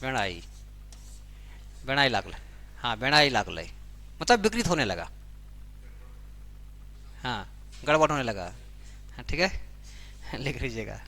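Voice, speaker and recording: A man, teaching a class and dictating notes, repeating each phrase slowly so students can write it down. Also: medium pitch, very animated, creaky, bright, forceful tone. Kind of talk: dictating a language lesson to a class.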